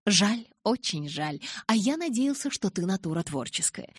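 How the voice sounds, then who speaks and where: A woman voicing a calm, mocking male kidnapper who gives orders in an audiobook. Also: medium pitch, moderate pace, husky, dry recording, clean studio sound, pitched above the performer's own voice. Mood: menacing. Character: menacing smooth-voiced male kidnapper. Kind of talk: audiobook character voice.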